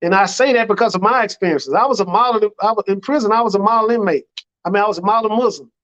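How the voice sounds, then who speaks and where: An American man serving as an imam delivers a sermon with a high-pitched, slightly bright voice at a quick pace. His address is earnest and plainspoken, leaning on repeated phrases, and the recording is dull and lo-fi.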